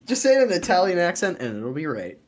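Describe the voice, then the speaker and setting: Animated podcast co-host, lively pitch. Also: quick pace. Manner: animated, rambling, laughs easily. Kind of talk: casual podcast chat.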